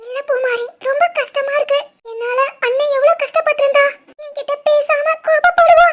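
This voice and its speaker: Cartoon role: a woman as a weepy guilt-ridden young woman, high and soft. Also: steady tone, normal speed. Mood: tearful. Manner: soft, tearful. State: crying.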